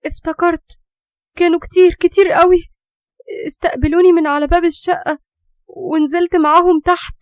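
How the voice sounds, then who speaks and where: A woman's voice: high voice, fast, no room sound, clean studio sound, voice pushed up, close to an everyday voice. A woman voicing a frightened young Egyptian woman haunted by spirits, in an audio horror story. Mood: terrified.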